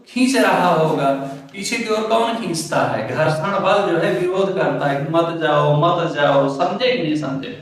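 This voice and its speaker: Guy teaching physics, slightly high voice, super echoey room, mic far away. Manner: repeats questions to the class and answers them himself. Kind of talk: exam-prep lecture.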